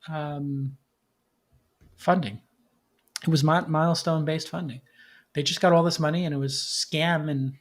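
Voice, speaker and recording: A man's voice: fairly high pitch, a bit bright, husky. A man hosting a podcast with off-the-cuff startup commentary, talking like an emphatic tech bro who repeats phrases for stress and leans on jargon. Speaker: podcast host.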